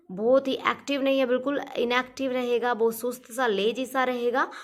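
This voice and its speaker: Woman teacher, somewhat high voice, repeats words, spells them out slowly. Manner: repeats each word and spells it out letter by letter; frequent "ठीक है" checks with listeners. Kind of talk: vocabulary lesson for exam preparation.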